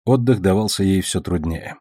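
Husky male audiobook narrator. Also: low voice, moderate pace, warm tone, dry recording, studio quality.

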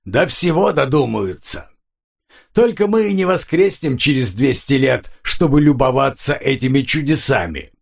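A man voicing an excitable, jovial older army captain in an audiobook, speaking in exclamations. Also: medium pitch, unhurried, creaky. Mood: wry. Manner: exclaiming, enthusiastic.

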